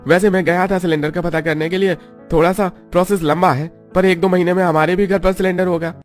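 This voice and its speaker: A man voicing a cheerful young brother-in-law in an animated cartoon, sounding upbeat and reassuring. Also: high voice, brisk, faint music behind, pitched above the performer's own voice, natural voice.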